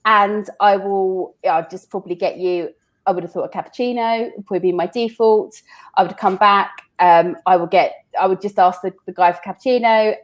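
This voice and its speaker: A woman being interviewed on a podcast, chatting casually and explaining with everyday examples, often restarting her sentences. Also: fairly low pitch. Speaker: recruitment founder, interview guest.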